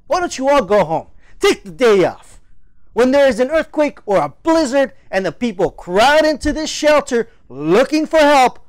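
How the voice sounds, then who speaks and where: A man's voice: high-pitched, darkish tone. A man playing a sarcastic, scolding shelter leader.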